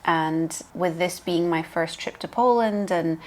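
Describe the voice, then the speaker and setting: A woman's voice: lowish voice, measured pace. A woman co-hosting a podcast as a professional piercer, explaining steadily with frequent ums. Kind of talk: casual chat.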